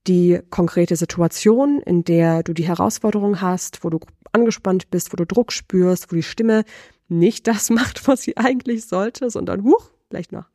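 A middle-aged woman voice coach giving a lesson, asking the listener slow, deliberate reflective questions. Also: medium pitch, mellow, no echo, clean studio sound.

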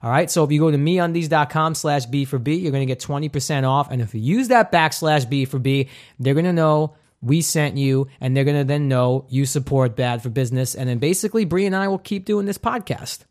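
A man's voice: a little high, fairly quick, darkish tone. Joking, upbeat male podcast host. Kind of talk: casual podcast chat with ad reads.

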